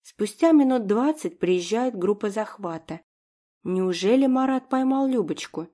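A woman's voice: medium pitch, unhurried. Woman narrating a first-person audiobook. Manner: expressive, emotional reading.

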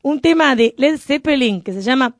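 A woman's voice: sits high, lively intonation, dry recording. Teasing Rioplatense woman radio host. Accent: Rioplatense Spanish. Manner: teasing, playful, quick to joke. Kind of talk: casual radio banter. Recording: dry studio with faint music.

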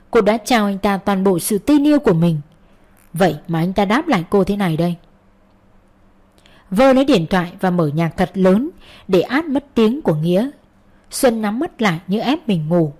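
A woman narrating a romance audiobook. She reads at a steady, even pace in a plain storytelling voice. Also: medium pitch.

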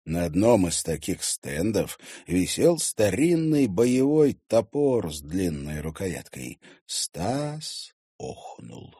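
A man narrating an audiobook with expressive storytelling reading. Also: low-pitched, takes it slowly, husky, dry recording, clean studio sound. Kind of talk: scripted narration.

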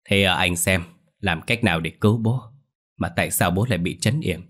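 An anxious village wife stammers through worried questions, read by a male narrator. The voice stays low and husky, plain and unhurried in a storybook ghost tale. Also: fairly bright tone.

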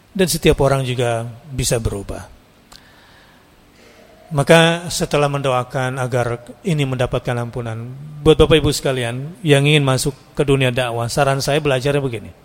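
A man preaching to a congregation in a chatty, teasing way, rising to emphatic peaks. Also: mid-range voice. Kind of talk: sermon to a live congregation. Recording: hall reverb.

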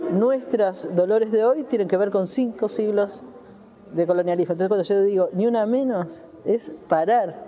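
Woman, Argentine accent, activist radio guest, fairly low voice, soft warm tone, earnest, measured, "eh" fillers. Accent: Argentine Spanish. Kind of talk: radio interview.

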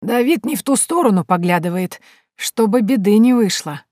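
A woman reading an audiobook voices a sharp-tongued, domineering old mother-in-law who scolds slowly and cuttingly. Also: mid-range voice, animated, dry recording, studio quality, pitched above the performer's own voice, lightly acted. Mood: scolding.

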